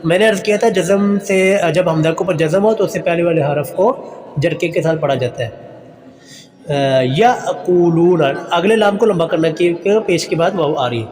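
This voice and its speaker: A man with a Pakistani Urdu accent teaching Quranic pronunciation, slowly drawing out each word and then explaining the rules in plain, polite terms. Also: on the high side, a little mellow, long reverb tail. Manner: uses polite filler "ji" often. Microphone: phone voice recording for a messaging class.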